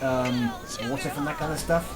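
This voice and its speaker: A man's voice: medium pitch, moderate pace, crowd noise, noisy background. A man co-hosting a casual cartoon commentary, chatty and full of questions. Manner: animated, chatty, asks questions. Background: cartoon soundtrack playing.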